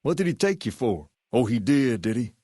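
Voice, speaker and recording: A man playing a self-assured, folksy gang boss in a video game, with a Southern US accent and a measured way of talking. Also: medium pitch, sing-song, dark tone, slightly rough, dry recording, studio quality. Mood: wry, businesslike. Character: charismatic, folksy male gang boss styled on a rock-and-roll idol. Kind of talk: video game character dialogue.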